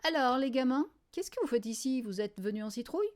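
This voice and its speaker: A woman's voice: sits high, expressive, a little fast, voice pushed up. A woman reading the part of a showy adult male teacher who teases a group of children in a storybook. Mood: teasing.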